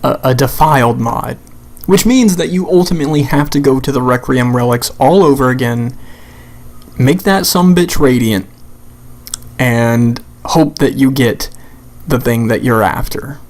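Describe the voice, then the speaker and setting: A man's voice: medium pitch, a little slow. A man giving an unscripted, blunt and sweary rant as commentary over a video game, sounding exasperated. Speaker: gamer making a rant video.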